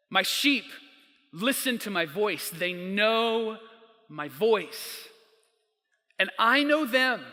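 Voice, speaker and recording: A man preaching a sermon as a pastor, telling stories emphatically and slowing down for quotes. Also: very high-pitched, pushed and bright. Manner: storytelling, emphatic, slows down for quotes. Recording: long hall reverb.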